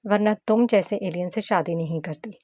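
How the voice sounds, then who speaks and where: A woman voicing a feisty young wife who bickers with a sharp tongue. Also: medium pitch, moderate pace, no room sound, studio quality, close to an everyday voice. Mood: bickering. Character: feisty young wife, quick-tempered secret agent.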